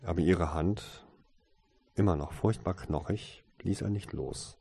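A man calmly reading a story aloud as an audiobook narrator, in steady storytelling narration. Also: low voice, measured pace, vocal fry, husky. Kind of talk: scripted narration.

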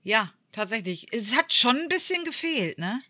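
Very bright-voiced woman telling lively stories. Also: fairly high pitch, moderate pace. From Germany. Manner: lively storyteller who acts out quoted voices, many fillers. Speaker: podcast co-host. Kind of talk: casual chat.

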